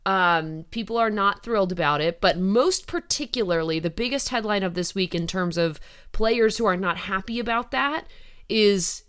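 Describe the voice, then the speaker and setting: A woman's voice: mid-range voice, animated, normal speed, fairly bright tone, clear, resonant tone. A woman co-hosting a casual sports chat, sounding nasal from a sinus headache and swearing now and then. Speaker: podcast co-host.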